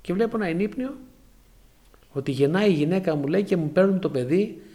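A man in his forties from Crete, preaching a sermon as he tells a personal testimony, acting out dialogue with lively exclamations. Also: sits high. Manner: animated storytelling with acted-out dialogue and exclamations.

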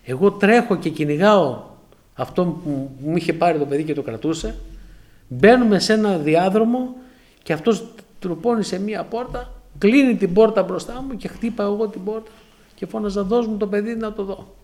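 Animated high-voiced man preaching. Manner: animated storytelling with acted-out dialogue and exclamations. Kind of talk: sermon testimony.

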